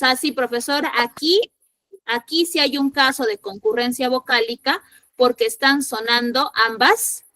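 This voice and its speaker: Woman teacher, high and bright voice, patient, repeats herself, keeps checking the class understands. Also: dry recording, poor audio. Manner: patient, repeats points and asks rhetorical check questions; voices imagined student objections. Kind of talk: classroom grammar lesson.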